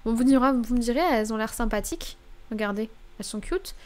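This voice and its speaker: A woman's voice: on the high side, fairly even intonation, fast talker, darkish tone. A young woman streaming live, chatting casually and thinking aloud while she browses the week's releases.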